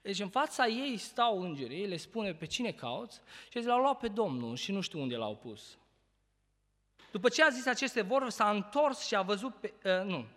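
A man preaching a sermon, explaining scripture with rhetorical questions and shifting between loud emphatic peaks and quiet reading. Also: sits high, big pitch swings. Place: church hall. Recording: long reverb of a church hall.

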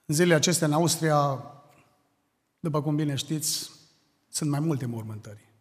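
A man from Romania preaching a funeral sermon, measured and building to emphasis when reading scripture, recorded in a church hall. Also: fairly high pitch. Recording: long hall reverb.

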